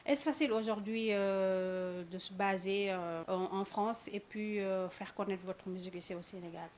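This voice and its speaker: A woman interviewing a singer, asking halting questions with many fillers. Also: medium pitch, steady tone, a little mellow, slight background noise.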